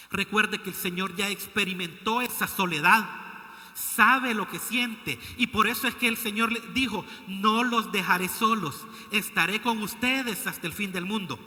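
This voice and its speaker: A male pastor, preaching a sermon in a church that builds to loud exhortation. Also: sits high. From El Salvador. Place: church sanctuary. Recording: long church reverb, music behind.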